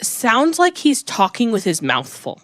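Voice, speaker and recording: Slow, rambling woman podcast host. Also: on the high side, huge pitch swings, a bit bright, dry recording. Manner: rambling, restarts and self-corrections. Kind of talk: casual chat about books.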